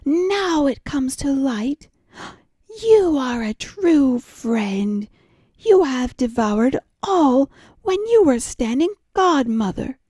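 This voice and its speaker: Woman voicing a high, wide-eyed timid little mouse. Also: big pitch swings, slow, dark tone, no echo, studio quality, exaggerated voice. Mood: dismayed. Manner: gasping, wide-eyed exclaiming. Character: timid, trusting little female mouse, easily shocked.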